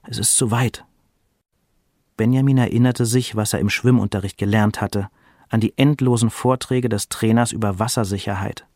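A man reading a literary excerpt aloud in a measured, expressive way. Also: lowish voice, dry recording, studio quality. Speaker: reader.

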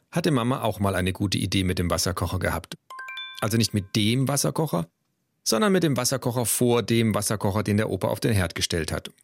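A man's voice: on the low side, no echo. Man narrating a playful audiobook. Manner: playful, exaggerated storytelling. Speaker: author reading his stories.

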